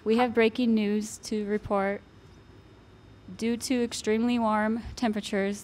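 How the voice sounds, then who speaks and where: A woman's voice: medium pitch, a little mellow, a little hiss or hum. A young woman anchoring a mock newscast, reading steadily at a news desk. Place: fair news desk set. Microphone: desk mic.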